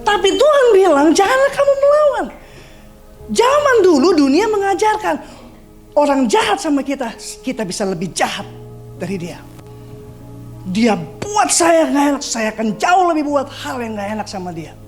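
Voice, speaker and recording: A woman's voice: high-pitched, big pitch swings, moderate pace, darkish tone, faint music behind. A woman preacher giving a sermon at a church service, conversational, reading scripture and acting out quotes.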